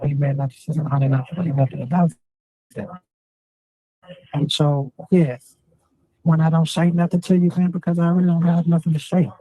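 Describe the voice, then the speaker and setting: A man's voice: on the high side, level tone, normal speed, long pauses, mellow, no echo. Man on a prison phone line. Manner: rambling, repetitive, argumentative. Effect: heard over a prison phone line. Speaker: jail inmate on a call. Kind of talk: casual phone conversation.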